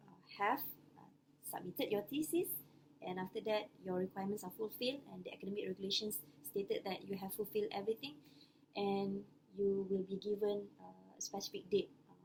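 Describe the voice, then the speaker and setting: Over a computer microphone on a video call from a home or office, a woman with a Malaysian English accent speaks to postgraduate students in an online webinar. She is hesitant, full of fillers and restarts, her mid-range voice a little mellow with vocal fry. The audio is poor with slight background noise.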